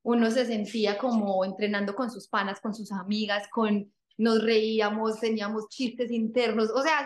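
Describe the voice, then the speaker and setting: A woman, a guest telling her story in casual conversation, repeating phrases for emphasis. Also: a little high. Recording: echoey room.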